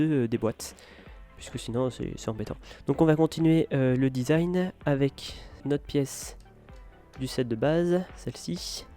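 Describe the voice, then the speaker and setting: A man guiding viewers through a building tutorial in a relaxed, hesitant way, with many fillers. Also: mid-range voice. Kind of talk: casual step-by-step tutorial.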